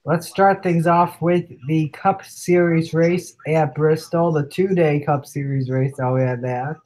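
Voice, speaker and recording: Sick and coughing, this male podcast host chats casually through a sim-racing recap, reading results from his rundown. He has a cold, and his fairly high, fairly even voice runs a little slow with a darkish tone on a low-quality recording.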